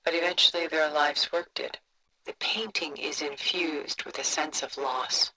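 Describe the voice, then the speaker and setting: An actress playing a cultured, composed older woman who collects art, with a refined, measured, contemplative delivery for a video game. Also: low voice, fairly even intonation, a crowd in the background, poor audio. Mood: reflective, admiring. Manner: refined, measured, contemplative, soft breathy phrase endings. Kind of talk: video game character dialogue, museum-guide storytelling.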